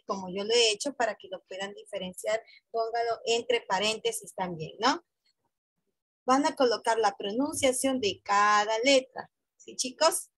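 A woman teaching English to school students, saying each phrase in English and then in Spanish and often checking in with a quick tag question. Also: a little high, no echo, low-quality recording. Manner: spells letters out slowly, one by one.

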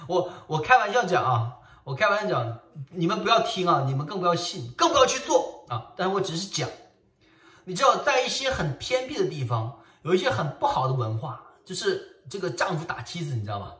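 A man from Northeast China, preaching a sermon as a pastor in an animated, emphatic way with many stammered restarts. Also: high voice, brisk, distant mic. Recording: echoey room, voice set back from the mic.

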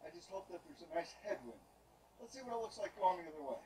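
A man's voice: high-pitched, very animated, fast talker, dark tone, a little hiss or hum, rough recording. An older man hosting a casual workshop vlog, talking in a rambling way with frequent fillers and restarts. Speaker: glider builder and channel host. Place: home garage workshop.

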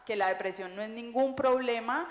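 A woman, an author speaking on a public panel in a lively, joking, conversational way. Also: on the high side, moderate pace. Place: large echoey library hall. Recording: echoey hall with long reverb.

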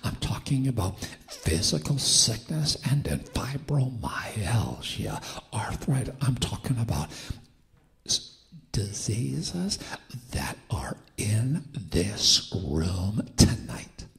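A man's voice: fairly low pitch, very animated, takes it slowly, vocal fry. A man preaching a sermon in a church sanctuary with an impaired, whispery voice, building to emphatic fervor. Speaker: guest preacher.

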